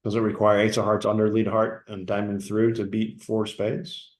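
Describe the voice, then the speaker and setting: A man giving analytical live bridge commentary, slightly halting as he thinks. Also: on the low side, completely flat delivery, reverberant.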